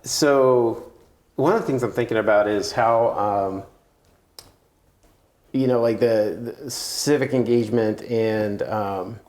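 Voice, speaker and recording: Halting man asking interview questions. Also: on the low side, a little mellow, slight background noise. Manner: halting, thinks aloud while asking.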